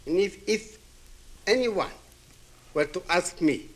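Speaking slowly in a high voice with lively intonation, a Ukrainian man in his seventies, native in Hebrew and Yiddish, delivers a reflective public speech. He is emphatic throughout, leaning on repetition and questions aimed at his audience.

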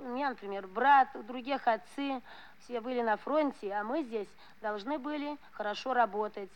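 A woman's voice: on the high side, rough recording. A woman, a veteran factory worker, recalling her past in plain, earnest, unpolished speech. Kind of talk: personal spoken reminiscence.

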